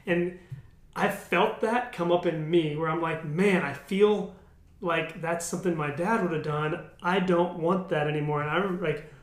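A man's voice: on the high side, steady tone, a little slow. Candid man, raised voice, echoey room. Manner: candid, self-deprecating, many restarts. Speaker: podcast co-host. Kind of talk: casual faith discussion.

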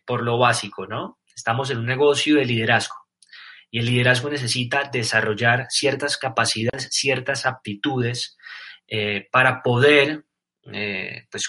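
Colombian guy doing a motivational livestream, bright voice, lots of eh and restarts. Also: medium pitch. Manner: earnest, many fillers and restarts, asks the listener direct questions. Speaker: network marketing leader giving a live talk.

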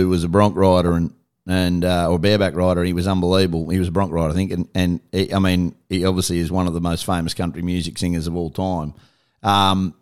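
Man, Queensland Australian accent, lowish pitch, casual interviewer, blokey, wordy and rambling. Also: smooth. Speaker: radio interviewer.

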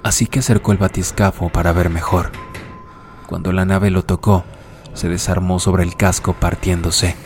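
Deep-voiced male narrator, measured. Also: slight background noise. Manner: steady, measured storytelling. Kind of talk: scripted narration. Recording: music playing underneath. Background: music.

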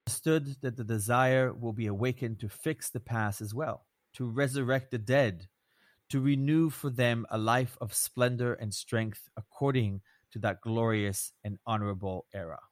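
An American man hosting a conversational podcast, speaking haltingly and circling his points with frequent little tag words. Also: mid-range voice, dry recording. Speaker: host, rabbi.

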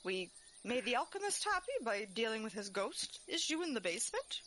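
Chatty female player, animated, noisy room. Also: on the high side, fairly quick. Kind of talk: tabletop game chat. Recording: clear background noise.

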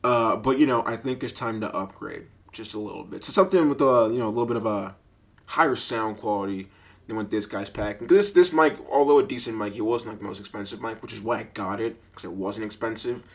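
This is a solo, laid-back podcast led by a young adult man whose voice sits low. He wanders through animated anecdotes, laughing and using lots of fillers, at a quick pace into an inexpensive mic covered by a sock.

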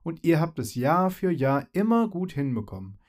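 A man's voice: on the high side, sing-song, normal speed, darkish tone, voice pushed up. Primavera, a fretful little spring fairy, voiced by a man. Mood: glum. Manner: fretful, glum. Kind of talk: storybook reading.

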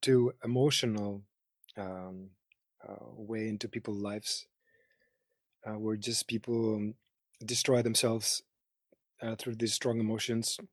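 This Greek man in his thirties speaks with a Greek accent, chatting casually as an interview guest about personal matters. His fairly low voice has a flat delivery on a dry recording, and he is halting, searching for words in his non-native English.

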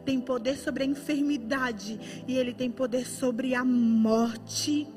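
A woman's voice: high voice, steady tone, takes it slowly, music in the background. A woman preacher giving a fervent, emotional sermon, her voice often breaking with tears.

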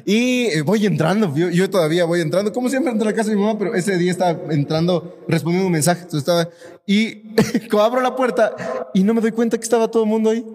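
Ecuadorian man, high voice, animated storytelling, long reverb. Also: fast. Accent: Ecuadorian Spanish. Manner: animated, laughs through stories. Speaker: podcast co-host. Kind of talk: casual storytelling chat.

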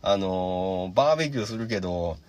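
A man with a Kansai Japanese accent hosting a podcast, telling a casual story and acting out the quotes with lively energy. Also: low-pitched, fairly quick, slight background noise. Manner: lively, animated retelling with acted-out quotes. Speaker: podcast host.

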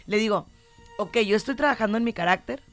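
A woman's voice: mid-range voice, a little fast, faint music behind. A woman with a Mexican Spanish accent co-hosting a talk show, chatting casually and acting out quoted lines with animation. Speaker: radio show host.

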